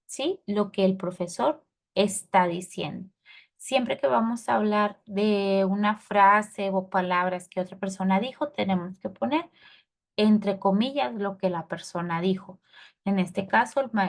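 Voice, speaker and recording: Woman, teacher, patient explaining, gravelly, mid pitch. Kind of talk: recorded class lesson.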